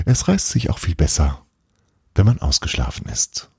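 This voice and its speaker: A man voicing a gentle, caring grandmother who speaks softly and tenderly. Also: very deep voice, wildly swooping pitch, normal speed, creaky, husky, dry recording, studio quality, full character voice. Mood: reassuring. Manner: soft, tender.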